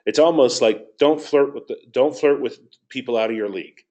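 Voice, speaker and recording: A man's voice: medium pitch, a little fast, mellow, lo-fi sound. A man, a course director, answering student questions and giving notes in a conversational teaching session, repeating key points for emphasis.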